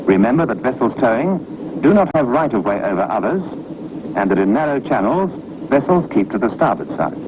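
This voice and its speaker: A man reads scripted narration for a training film in a formal, instructive, authoritative manner, his medium-pitched voice sing-song and brisk. The old film soundtrack sounds muffled and noisy.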